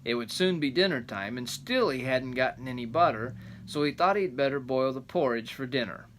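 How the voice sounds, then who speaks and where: A man's voice: mid-range voice, lively intonation, fairly quick, a bit bright, a little hiss or hum. An older man reading a folk tale aloud like a rambling grandpa, adding folksy asides and plain explanations. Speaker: storyteller.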